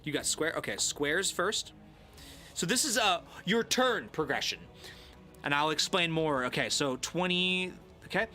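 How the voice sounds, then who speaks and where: A man acts as game master on a casual streamed tabletop game. His voice is high and bright with animated swings, and he stops and repeats words as he explains. Faint music plays behind him. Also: measured pace.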